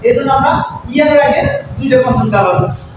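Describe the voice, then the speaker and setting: A man's voice: very high voice, animated, very fast. A male English teacher explaining grammar step by step to a class and asking them questions. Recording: echoey classroom, distant mic, noisy.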